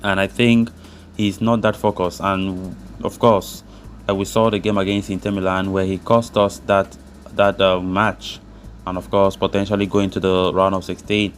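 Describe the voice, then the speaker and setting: Low-pitched male football news presenter over music. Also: little pitch movement, normal speed. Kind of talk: scripted sports news narration with some off-script commentary.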